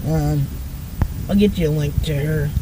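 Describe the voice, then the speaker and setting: Young male amateur reviewer, high-pitched, halting and casual, rambling delivery over clearly noisy audio. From northern Maine, United States. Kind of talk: casual vlog chat.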